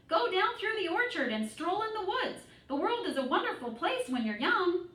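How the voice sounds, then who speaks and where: A woman voicing an excitable, bossy female goose who shrilly repeats her phrases. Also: very high voice, moderate pace, pitched above the performer's own voice, heavily acted. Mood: urgent. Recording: echoey room, distant mic.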